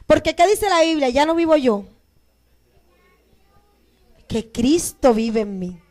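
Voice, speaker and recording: A woman pastor preaching a sermon, moving between loud proclaiming and soft, emotional storytelling. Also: sits high, lively intonation, slow pace. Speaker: pastor and teacher.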